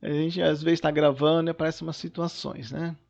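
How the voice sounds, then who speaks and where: A man's voice: a little high, little pitch movement, brisk, gravelly, darkish tone, lo-fi sound. A male teacher recording a lesson at home, patiently explaining worksheet questions and often checking in with "né" and "tá". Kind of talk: recorded remote class lesson.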